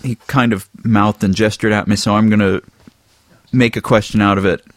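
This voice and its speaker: Low-voiced easygoing podcast host. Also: male voice, steady tone, normal speed, dry recording, clean studio sound. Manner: easygoing, asks questions with filler words. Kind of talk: casual interview chat.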